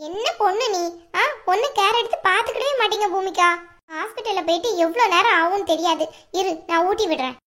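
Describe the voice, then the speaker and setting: Woman doing a nagging older cartoon aunt, very high and commanding. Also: a little fast, a bit bright. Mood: scolding. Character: bossy older aunt who scolds and fusses. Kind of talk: cartoon voice acting.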